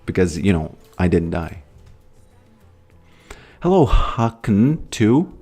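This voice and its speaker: A Latvian man casually chats with his viewers while livestreaming a game, rambling, musing, and greeting chat as he plays. His low voice is very animated, slow, mellow, and slightly breathy, with soft music in the background.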